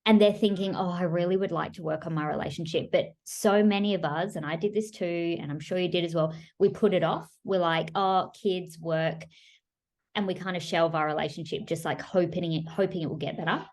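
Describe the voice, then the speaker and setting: A woman's voice: on the low side, fairly even intonation, fast, few pauses. A woman hosting a relationship-coaching podcast, speaking in a gushing, openly emotional way and getting teary as she thanks her guest. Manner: warm, gushing, tearful at times.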